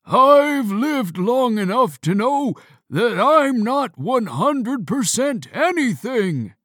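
Woman voicing a very old man, booming and slow, lonely and gentle, dry close sound. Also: big pitch swings, dry recording, exaggerated voice. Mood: wistful. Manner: speaks extremely loudly and slowly. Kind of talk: audiobook reading.

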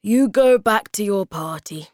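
A weary, ancient male hobgoblin from a storybook, voiced by a woman reading aloud. He speaks slowly and solemnly, with a heavy sadness. The sound is dry and close, with no room around it. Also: mid-range voice, expressive, darkish tone, dry recording, voice pushed up, natural voice. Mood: sad.

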